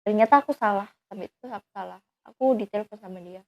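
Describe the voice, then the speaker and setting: A woman's voice: medium pitch, fast, darkish tone, poor audio. A young woman, telling her own story as a guest in an earnest, pleading way that often trails off into fillers. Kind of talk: emotional personal account.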